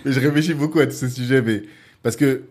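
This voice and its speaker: A man's voice: medium pitch, fast talker, a crowd in the background. A man hosting a podcast, musing aloud in a loose, talkative way. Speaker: podcast host. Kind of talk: casual podcast conversation.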